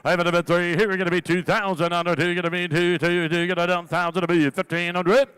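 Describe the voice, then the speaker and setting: High-pitched male auctioneer in rapid chant. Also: flat delivery, fairly bright tone, smooth. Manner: repetitive, rolling filler phrases between numbers.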